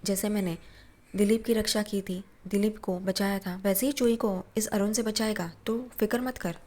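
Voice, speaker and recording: A woman's voice: mid-range voice, steady tone, normal speed, darkish tone. A woman recapping a TV serial episode, reading out every character's lines in her own plain voice. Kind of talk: recap narration with quoted dialogue.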